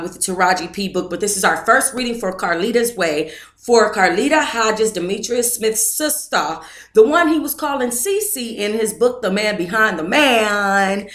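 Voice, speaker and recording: A woman hosts a book club on a live stream, reading a book aloud and chatting casually with viewers between passages. Her voice is medium-pitched and fairly bright, recorded in an echoey room.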